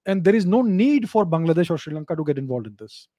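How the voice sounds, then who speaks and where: A middle-aged man hosts a live geopolitics Q&A from his home study and works through each point in a steady, measured way. His voice sits a little high for a man but has a mellow, dark colour. The close studio mic keeps it dry, with almost no room sound. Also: no echo. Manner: measured, explanatory, repeats key points. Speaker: host answering live video call questions. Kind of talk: live video chat Q&A on geopolitics. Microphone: studio mic on a boom arm, close.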